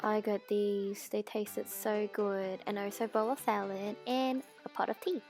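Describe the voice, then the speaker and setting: A woman's voice: mid-range voice, level tone, a little slow, over music. A young woman chatting casually in her vlog, bubbly and full of "like". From Australia. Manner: bubbly, chatty, heavy use of "like". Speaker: vlogger and English teacher. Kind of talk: casual vlog chat and voice-over.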